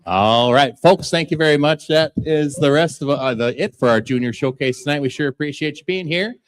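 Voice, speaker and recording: A man's voice: fairly high pitch, normal speed. A man emceeing a showcase, announcing results and thanking the audience.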